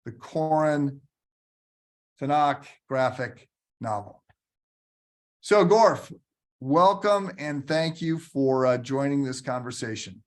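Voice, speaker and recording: Rambling podcast host, man. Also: medium pitch. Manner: rambling, many ums and restarts. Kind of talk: casual podcast introduction.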